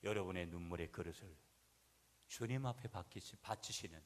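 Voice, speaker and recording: A male pastor preaching a sermon, swinging from quiet asides to loud, rising climaxes and having the congregation repeat lines after him. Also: low voice, normal speed. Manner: swings from soft asides to shouted peaks, has the church repeat after him.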